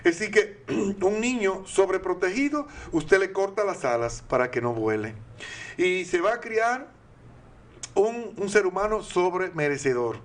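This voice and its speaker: An older man with a Dominican accent, giving earnest parenting advice on a talk show, often posing rhetorical questions. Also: sits high. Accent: Dominican Spanish.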